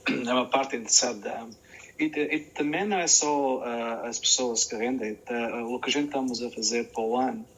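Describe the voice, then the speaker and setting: A man hosting a casual online chat, halting and repeating words as he searches for them. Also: mid-range voice, steady tone, fairly bright tone, a little hiss or hum, rough recording. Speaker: show host.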